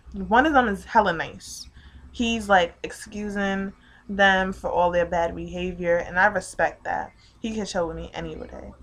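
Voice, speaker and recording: A young woman tells a story about her day straight to the camera in a casual vlog. She swears freely. Her voice jumps from loud, heated bursts down to low, mumbled asides, at a pitch in the middle range for a woman. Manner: profane, animated, swings between loud outbursts and quiet muttering. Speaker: vlogger.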